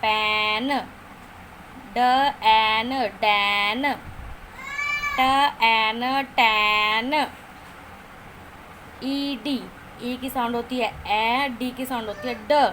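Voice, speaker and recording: A woman teacher, slowly sounding out letters and short words in a phonics lesson for children. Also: a little high, steady tone. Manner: slow, sounding out letters one by one. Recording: noisy home recording.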